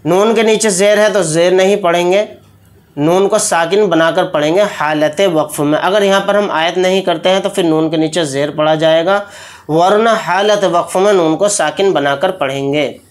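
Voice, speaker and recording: A man teaching Quran recitation rules, explaining each sound slowly and deliberately, then chanting the verses in long drawn-out tones. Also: high-pitched. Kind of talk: tajweed lesson. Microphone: close mic, speaking while pointing with a pen.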